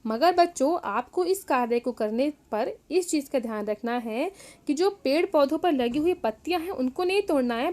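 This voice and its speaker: High-voiced woman teaching young children. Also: darkish tone. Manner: patient, repeats each word, addresses "children" often. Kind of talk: worksheet lesson for young children.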